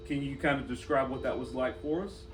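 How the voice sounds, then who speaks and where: A man interviewing someone, asking gentle, conversational questions. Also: mid-range voice, brisk, over music. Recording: roomy echo, distant mic, faint noise.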